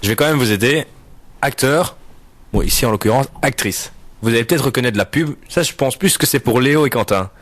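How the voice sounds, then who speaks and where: A man's voice: mid-range voice, animated, a little fast, fairly bright tone, no echo. A man hosting a casual radio show. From Belgium. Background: music.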